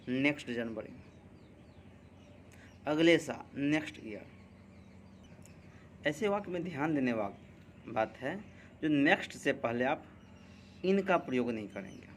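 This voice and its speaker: Man, teacher, grammar lesson, very slow dictation, faint background noise. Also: medium pitch. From India. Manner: slow, deliberate dictation of example sentences.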